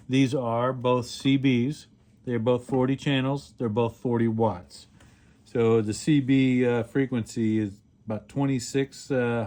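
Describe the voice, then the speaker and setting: In a clearly noisy home-made recording, a man with a mid-range, darkish voice hosts a casual hands-on product review video. He handles the gear and explains its features plainly, one step at a time.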